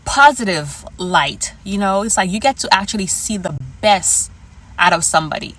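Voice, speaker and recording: A woman's voice: mid-range voice, lively intonation, moderate pace, a bit bright. A woman speaking casually and earnestly as a nurse on her personal vlog, often checking in with the listener with small tags. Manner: conversational, often checks in with "okay" and "you know". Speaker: hospice nurse and vlogger.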